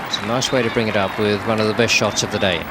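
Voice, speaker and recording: A man giving measured, understated live cricket commentary with unhurried, sparing remarks. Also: fairly low pitch, fairly even intonation. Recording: 1970s broadcast, loud crowd noise. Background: noisy outdoor cricket crowd.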